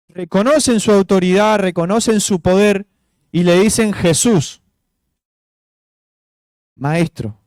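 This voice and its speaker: A man's voice: high-pitched, a little mellow, dry recording. A man preaching an informal sermon, full of rhetorical questions and fillers. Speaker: pastor. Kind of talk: conversational sermon.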